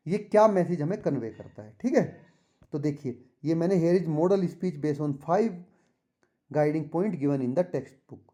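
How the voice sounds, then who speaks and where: Slow, careful Indian tutor with a dark tone. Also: male voice, fairly high pitch. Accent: Indian English. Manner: reads English lines slowly then explains in Hindi; addresses students directly, patient. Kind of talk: bilingual textbook explanation for students.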